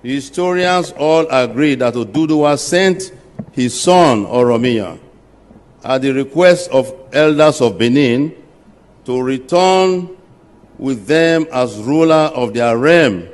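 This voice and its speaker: A man narrating a history documentary in a measured, formal way. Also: medium pitch, big-room sound.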